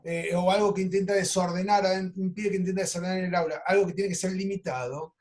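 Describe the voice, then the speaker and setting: Man, Argentine accent, psychoanalyst, lecture, high-pitched, animated, video call. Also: quick pace. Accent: Argentine Spanish. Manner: animated storytelling, acts out quoted lines. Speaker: psychoanalyst teaching an online course. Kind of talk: lecture with clinical anecdotes.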